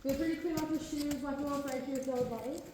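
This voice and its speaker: A woman's voice: high-pitched, steady tone, quick pace. A woman working as a cave guide, explaining things informally to a tour group in an echoing cave. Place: inside a cave. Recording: echoing cave, faint background noise.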